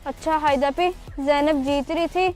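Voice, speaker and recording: Woman as a smug cheating sister, very high, home drama with music. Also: steady tone, moderate pace, darkish tone, natural voice. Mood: guilty. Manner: sly, boastful. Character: scheming competitive sister who cheats to win. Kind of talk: amateur family drama. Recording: music behind.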